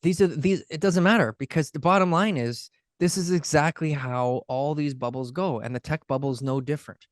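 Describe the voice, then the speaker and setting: A man co-hosting a podcast in casual chat, talking in an animated, emphatic way and repeating words when he gets excited. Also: a little high, normal speed, few pauses, dry recording, studio quality. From Canada. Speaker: podcast co-host. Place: podcast studio.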